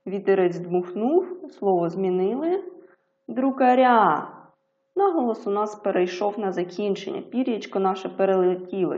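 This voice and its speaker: A woman's voice: medium pitch, echoey room. A woman video tutor explaining a lesson, stressing her example words. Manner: lively, emphatic on example words.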